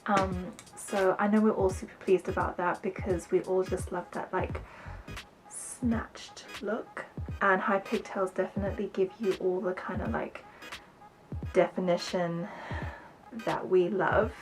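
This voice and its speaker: A beauty vlogger born in the UK and raised in South Africa as a teenager chats to camera with a mostly British accent carrying slight South African and American touches. Her medium-pitched voice is steady and measured, her talk rambling and full of self-conscious asides. The recording is rough, with music underneath.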